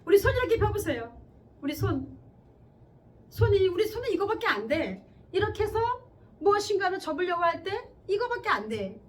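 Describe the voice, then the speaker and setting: A woman's voice: very high-pitched, very animated, moderate pace. A woman pastor preaching a sermon in a conversational way, often checking in with her listeners and acting out quoted speech. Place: church. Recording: distant mic with faint background noise.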